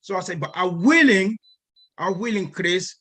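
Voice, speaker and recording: A man's voice: sits high, moderate pace, bright, forceful tone, slightly rough. A man from Cameroon, speaking earnestly at an online group meeting and often repeating words as he searches for them. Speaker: guest speaker.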